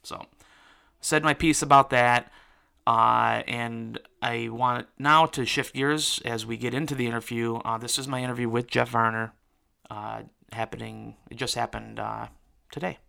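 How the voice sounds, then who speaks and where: A man's voice: medium pitch, steady tone, measured pace, vocal fry, sharp tone, clean tone. A man hosting an interview show, talking earnestly about forgiveness with lots of fillers before introducing his guest. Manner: earnest, filler-heavy with restarts. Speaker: podcast host and interviewer. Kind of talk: casual spoken commentary then interview.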